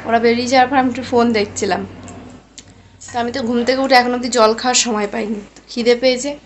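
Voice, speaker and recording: A woman's voice: fairly high pitch, a little hiss or hum. A mother and home vlogger telling viewers about her busy day in a chatty, rambling voice-over. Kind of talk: casual voice-over narration of a daily routine.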